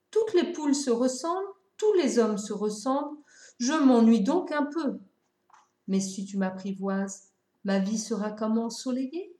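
A woman voicing a patient, wistful fox who explains things calmly and reflectively. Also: fairly high pitch, echoey room, voice pushed up.

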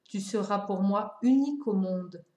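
A woman voicing a patient, wistful fox who explains things calmly and reflectively. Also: mid-range voice, unhurried, roomy sound, lightly acted.

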